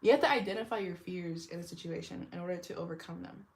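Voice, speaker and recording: In a casual tarot reading vlog, a rambling young woman with a deep smoker's voice laughs often and leans heavily on "like." Her voice is fast, gravelly, and darkish in tone.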